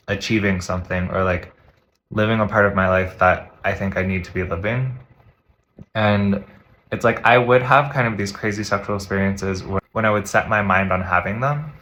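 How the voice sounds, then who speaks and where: A man's voice: lowish voice, sharp tone, a little hiss or hum, rough recording. A young man vlogging casually from home while lying down to stretch, talking in a rambling, upbeat way with a slight lisp from his retainers. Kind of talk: casual chatty vlog talk.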